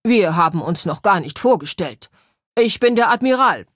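A woman voicing a loud, booming old male ghost admiral in an audiobook story. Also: expressive, moderate pace, no room sound, studio quality, close to an everyday voice.

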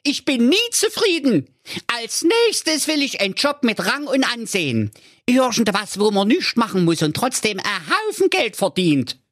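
A shrill, bossy nagging wife. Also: male voice, wildly swooping pitch, moderate pace, a bit bright, no room sound, studio quality, exaggerated voice. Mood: smug.

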